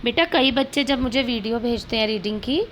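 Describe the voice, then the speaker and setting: A young woman teacher gives an online lesson to small children, reading words aloud slowly and clearly for them to repeat. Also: a little high, fairly bright tone, a little hiss or hum, poor audio. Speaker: primary school teacher.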